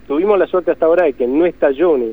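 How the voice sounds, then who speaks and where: Rapid-fire and a little high-pitched, this Argentine economist delivers his interview answers with emphasis, often putting things another way. The audio comes through a tinny phone line.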